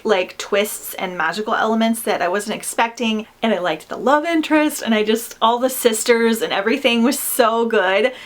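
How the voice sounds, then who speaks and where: A woman's voice: on the high side, fairly bright tone. Chatty, gushing woman reviewing books. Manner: enthusiastic, informal, peppered with "like". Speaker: book vlogger. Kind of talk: casual vlog chat.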